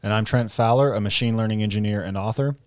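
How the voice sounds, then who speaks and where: Guy hosting a podcast, lowish voice, dry close mic, kinda rambly questions. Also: quick pace, smooth, dry recording. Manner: friendly, slightly rambling questions. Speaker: podcast co-host.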